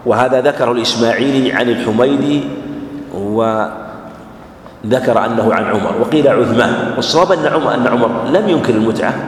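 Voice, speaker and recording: A man giving a religious lesson, speaking in a measured way and repeating phrases for emphasis. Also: lowish voice, slight background noise. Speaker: Islamic scholar teaching a hadith class. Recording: echoey hall with faint ambience.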